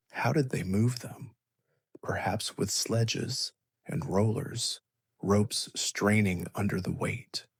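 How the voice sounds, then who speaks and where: A man narrating a scripted bedtime story as a sleep story narrator, in a soothing, measured, hushed delivery. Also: lowish voice, gravelly, slightly rough, no echo, clean studio sound.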